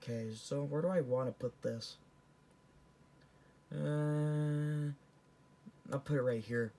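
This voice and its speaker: A man's voice: medium pitch, a little fast, mellow. A teenage boy giving casual, rambling commentary as he ranks things on a tier list, often restarting and correcting himself. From Canada. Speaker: vlogger.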